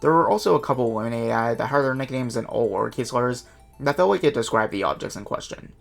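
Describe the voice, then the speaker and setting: A man narrating a casual video with a quick, self-mocking, chatty delivery. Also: mid-range voice, expressive, gravelly, soft background music. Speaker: YouTuber and documenter.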